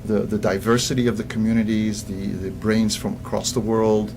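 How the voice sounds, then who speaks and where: A man in his sixties from Egypt, a guest business coach in a casual interview, telling stories with lively restarts and repeated words. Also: on the low side, moderate pace, noisy background. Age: 60s. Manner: animated storyteller who repeats words when starting sentences.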